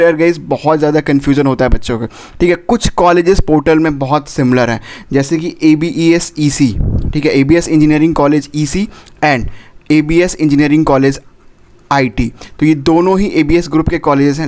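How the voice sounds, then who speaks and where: A man with a fairly high voice gives admissions counselling advice in an urgent, repetitive tone. He addresses viewers directly and mixes English terms into his speech. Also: darkish tone. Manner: urgent, repetitive, warns directly, drops English words into Hindi.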